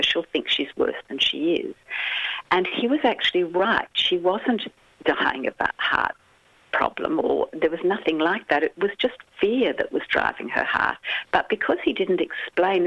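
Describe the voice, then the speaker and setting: An interview guest recounts a story earnestly and vividly, pausing to gather thoughts. The audio is dull and lo-fi, dry with no room sound. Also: medium pitch, fairly bright tone, dry recording. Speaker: guest author.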